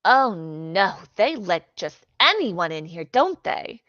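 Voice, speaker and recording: A woman's voice: lowish voice, big pitch swings, slow pace, sharp tone, dry recording, full character voice. A woman voicing a snobbish, well-bred noble girl who talks in a haughty, sneering way. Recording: dry, dull lo-fi recording.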